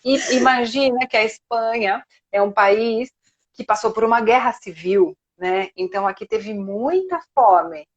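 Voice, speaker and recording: A woman from Brazil chats on a live video call and explains the topic like a teacher. Her voice sits a bit high. She plays out the quotes with animated changes of tone, and the stream sounds slightly muffled. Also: unhurried. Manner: animated, acts out quoted speech. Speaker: Spanish teacher.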